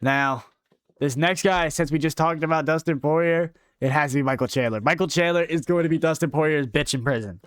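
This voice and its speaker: A man's voice: on the high side, a little fast, a bit bright, smooth, dry recording, clean studio sound. Profane young man riffing on fighters. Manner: profane, slangy, laughs often. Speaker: commentator. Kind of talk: casual commentary ranking fighters.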